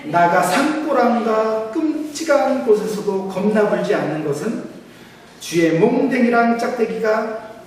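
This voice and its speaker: A man putting on a Jeolla dialect as a rustic countryman, loud and exclamatory, drawling. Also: high voice, expressive, unhurried, a little hiss or hum, voice pushed up. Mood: hearty. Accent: Jeolla dialect, put on. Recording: echoey church hall, mic far off.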